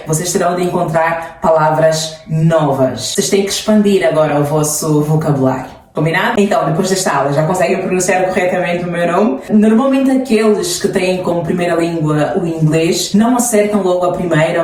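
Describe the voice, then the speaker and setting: Portuguese-accent lady teacher, playful, kinda low voice, far from the mic in a really echoey room with soft music behind. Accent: European Portuguese. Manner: playful, teacherly, addresses students directly. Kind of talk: lively video lesson.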